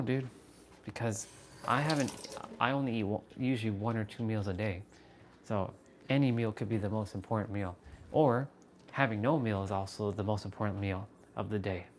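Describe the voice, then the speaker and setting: Cooking in his home kitchen, a Canadian-born man chats casually on a live stream and responds to questions from viewers. He speaks at a fairly low pitch, and the audio carries a little hiss or hum.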